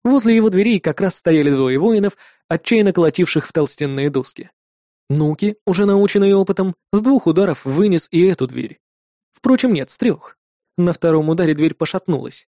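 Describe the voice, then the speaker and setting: A man reading a first-person fantasy adventure aloud in steady storytelling style. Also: sits high, moderate pace, dry recording, clean studio sound. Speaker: audiobook narrator.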